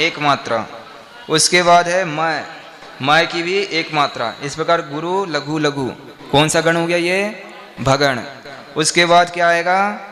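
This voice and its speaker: Slow, bright-voiced man teaching a class. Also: fairly high pitch. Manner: deliberate syllable-by-syllable teaching, quizzing listeners. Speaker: Jain monk teaching a class. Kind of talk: classroom lesson on verse meter.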